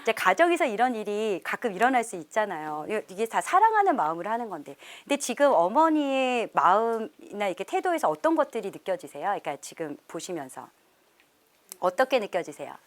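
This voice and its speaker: A middle-aged woman professor giving a lively parenting lecture to a live audience, often laughing and acting out parents' lines. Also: medium pitch, brisk. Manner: animated, laughs often, acts out quoted parents. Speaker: professor leading a parenting seminar.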